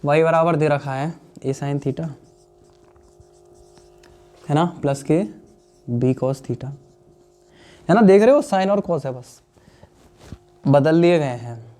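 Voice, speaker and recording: A young man with a fairly high, mellow voice teaches a maths lesson at a slow pace, pausing often, with faint music in the background. He explains solutions in a chatty classroom manner, calling his students "dear friends" and frequently asking "understood or not?" to check they follow.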